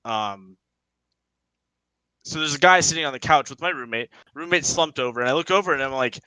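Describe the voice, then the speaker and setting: A young man in his twenties, a podcast co-host, telling a story in casual chat, animated and swearing as he acts out quotes. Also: medium pitch, brisk, clear, resonant tone, no room sound, rough recording.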